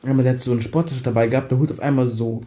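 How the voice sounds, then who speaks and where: A man's voice: medium pitch, fairly even intonation, fast talker, mellow. A young man chatting casually, telling stories from his school days in street slang and acting out the quoted lines. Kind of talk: casual chat.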